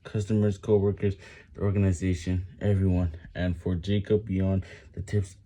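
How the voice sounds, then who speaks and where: A man's voice: low-pitched, level tone, normal speed, warm tone. A man reading a book aloud while doing push-ups, stumbling over and repeating words under the physical effort. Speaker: vlogger reading on camera.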